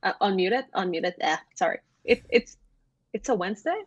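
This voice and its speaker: A woman's voice: medium pitch, sing-song, normal speed, husky, dry recording, muffled recording. A woman from Ecuador, a graphic designer, chatting as a guest on a video call in a talkative, enthusiastic way. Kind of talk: casual video-call chat.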